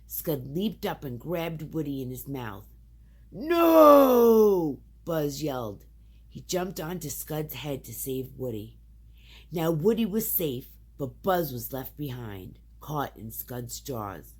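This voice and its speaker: A young woman reading a children's storybook aloud to her child, in an expressive, sing-song way. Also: very deep voice, slow, husky.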